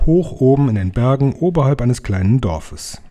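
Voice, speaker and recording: A man's voice: medium pitch, lively intonation, moderate pace, mellow, lightly acted. Man putting on a spirited old grandmother. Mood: knowing. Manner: emphatic, exclaiming.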